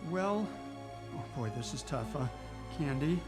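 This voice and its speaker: A man's voice: on the high side, animated, a little slow, over music. A man playing an easygoing, slightly awkward homicide inspector in 1940s radio drama style, folksy and hesitant. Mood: nervous.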